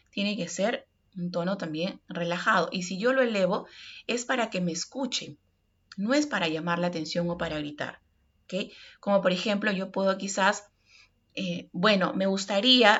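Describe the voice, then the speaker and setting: A woman's voice: mid-range voice, normal speed, fairly bright tone, highs cut off. A woman with a Peruvian Spanish accent giving an online workplace communication lesson, explaining step by step and often checking in with "ok?". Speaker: course instructor.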